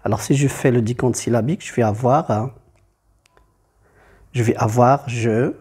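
A man's voice: medium pitch, steady tone, normal speed, darkish tone, breathy edge. Patient man teaching poetry meter. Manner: patient, explains step by step, repeats key terms. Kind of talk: poetry lesson.

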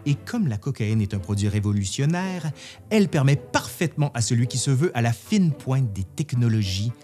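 A man's voice: medium pitch, sing-song, moderate pace, mellow, faint music behind. A man narrating a history video in scripted style, reading quotations with emphasis.

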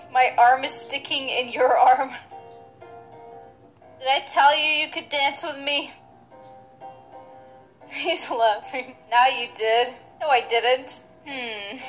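A woman's voice: high voice, slow pace, pauses often, rough recording. A woman giving casual let's-play commentary on a game, giggling often and reading other players' chat aloud. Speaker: gaming video host. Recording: faint game music behind.

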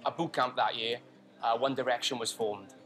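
A young man, a contestant, reflecting in a relaxed and self-deprecating way during an interview. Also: medium pitch, normal speed. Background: music underneath.

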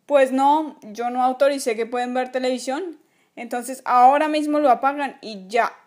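A woman voicing a loud strict toy dad. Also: fairly high pitch, moderate pace, natural voice. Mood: stern. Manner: barking orders, scolding. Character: strict bossy toy father, stern. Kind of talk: toy play acting.

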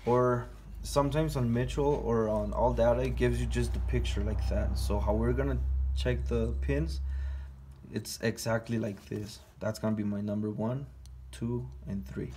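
An auto mechanic in his garage casually talks through a car sensor test step by step in a hands-on repair tutorial. His mid-range voice is warm and steady at a normal speed, with a little hiss or hum on the recording.

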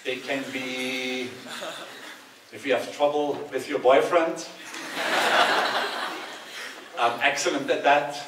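A man, giving a relaxed, conversational talk and taking audience questions over a headset mic in a large hall. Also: medium pitch, takes it slowly, pauses often, far from the mic, very noisy. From Austria. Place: large bright hall with hard walls, indoors. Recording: echoey hall, speaker a bit off-mic.

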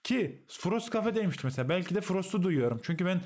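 A man's voice: high voice, lively intonation, fast, darkish tone. A man streaming and explaining a game replay to his teammates, coaching in a casual, slangy way. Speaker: streamer analyzing a match replay.

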